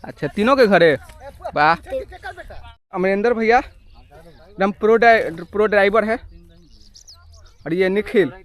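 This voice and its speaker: High-voiced young man vlogging outdoors. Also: animated, slow pace, long pauses. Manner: chatty, teasing, jokey. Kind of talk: casual vlog narration. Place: outdoors at a riverbank village site.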